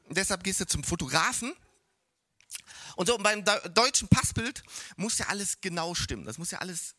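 A man preaching a sermon in a church, telling stories in a lively way and acting out the people he quotes. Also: high voice, no room sound. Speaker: pastor.

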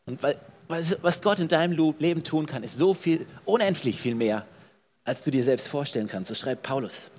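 A man with a high voice preaches a sermon in a church. He throws questions out to his listeners and often restarts or repeats words. His phrases tend to sink to a soft, low finish. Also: animated, moderate pace. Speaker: pastor.

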